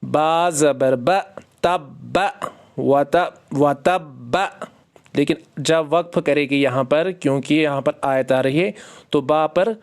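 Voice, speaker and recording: A man teaching Quran reading, spelling each word out slowly letter by letter and stopping to explain the rules, asking questions and answering them himself. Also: a little high. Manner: slow drawn-out spelling with quick explanations in between.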